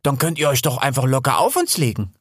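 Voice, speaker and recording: A man's voice: mid-range voice, very animated, quick pace, fairly bright tone, slightly rough, dry recording, studio quality. A man voicing a young female wild sow in a storybook reading, chatty and teasing.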